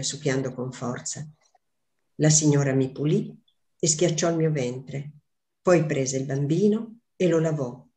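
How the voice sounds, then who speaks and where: A woman reading aloud as a young mother grieving her lost newborn, in a slow, measured literary reading. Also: sits low, dark tone.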